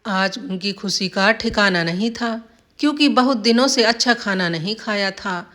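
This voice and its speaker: A woman storyteller giving scripted, expressive narration of a folksy village tale. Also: mid-range voice, unhurried.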